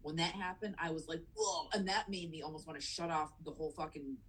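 A woman with a low, husky voice chatting casually as a podcast co-host. She talks with open emotion and enthusiasm and swears casually. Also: fast, fairly bright tone, low-quality recording. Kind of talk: casual movie chat.

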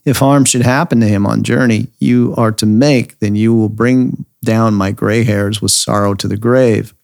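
Sorrowful old patriarch read by a male reader, deep gravelly voice. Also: steady tone, moderate pace, darkish tone, dry recording, studio quality. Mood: grieving. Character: grieving old father Jacob.

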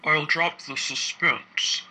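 Uneasy office boss, played by a man, slow and deliberate, tense husky tone. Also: fairly high pitch, steady tone, pushed and bright, heavily acted, low-quality recording. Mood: uncomfortable. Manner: slow, uncomfortable, deliberate delivery. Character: awkward middle-aged male office boss.

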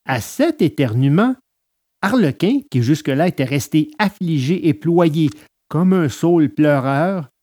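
A man narrating a storybook in an animated, expressive way. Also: a little high, measured pace. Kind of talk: storybook reading.

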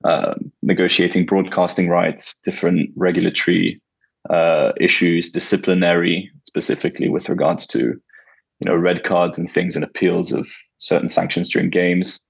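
A man's voice: sits low, level tone, normal speed, vocal fry, breathy edge, no room sound. A young man from Italy and Germany answering interview questions casually, with many fillers. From born in Italy, raised in Germany. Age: young adult. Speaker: guest, legal counsel.

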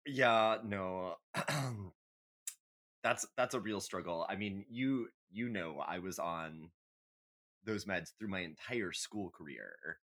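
A man co-hosting a podcast trades casual banter in a low, slow, slightly bright voice, dryly humorous and playfully dramatic in how he tells his stories.

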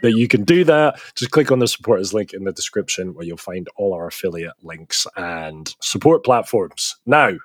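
Podcast host, male, lowish voice, dry close mic, jokey and laughing. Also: expressive, moderate pace, few pauses, dry recording. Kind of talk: casual chat.

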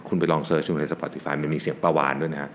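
A man hosting a solo business talk, relaxed and explanatory, dropping English work terms into his speech. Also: a bass voice, quick pace, slight background noise. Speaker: podcast host and business owner.

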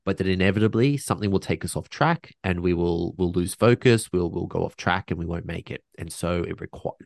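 A man's voice: sits low, fairly quick, creaky, a little mellow, dry recording, clean studio sound. A man speaking as a podcast guest in casual conversation, reflective and earnest, restarting sentences often and sprinkling in slang.

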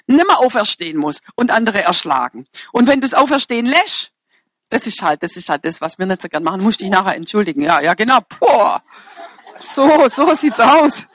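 Lively, joking German woman preacher. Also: a little high, dry recording, clean studio sound. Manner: humorous, chatty, teasing the congregation; fillers and self-corrections. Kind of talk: sermon.

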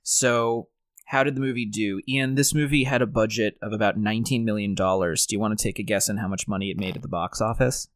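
A man leads a relaxed, conversational movie recap as podcast host. His delivery is wry and informal. The recording is dry and close, free of room echo. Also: on the low side, fairly quick. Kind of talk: casual film recap and commentary. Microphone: own microphone on an internet call.

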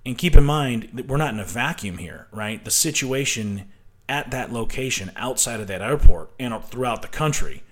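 A man's voice: mid-range voice, animated, normal speed, fairly bright tone. A man hosting a political commentary show, talking in an emphatic, combative monologue and often tagging his points with a questioning aside. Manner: emphatic, combative, repeats "right?".

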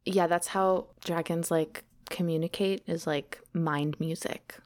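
Slow-talking woman reading a novel aloud. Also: fairly low pitch, fairly even intonation, darkish tone. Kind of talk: casual read-aloud with commentary.

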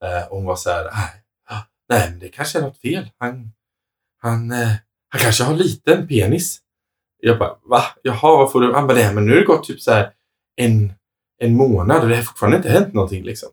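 A man tells a funny story in a casual chat. His voice sits in the middle of the range. He acts out each person's lines and laughs as he goes. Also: mid-range voice. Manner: animated storyteller, quotes others with "jag bara", laughs often.

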